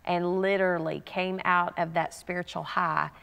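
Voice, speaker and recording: A woman pastor preaching in an earnest, emphatic, conversational way, her voice a little low for a woman. She often restarts her phrases as she presses a point, and a long reverb trails behind her words. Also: level tone, moderate pace, vocal fry, a bit bright, dull audio. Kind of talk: conversational sermon.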